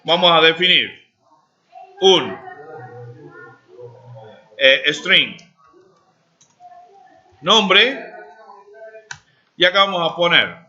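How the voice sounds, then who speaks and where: A man in his 40s teaches a live programming class, talking as he types and asking students questions to check they follow. His voice is a little high and sharp, with big pitch swings, delivered very slowly with long pauses, and the classroom recording is dull and lo-fi.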